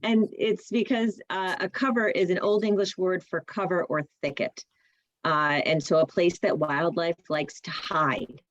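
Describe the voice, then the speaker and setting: A woman's voice: on the low side, steady tone, a little slow, no echo, highs cut off. A woman directing a nonprofit, giving a friendly, informative talk to a public meeting over a video call. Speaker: presenter, nonprofit executive director.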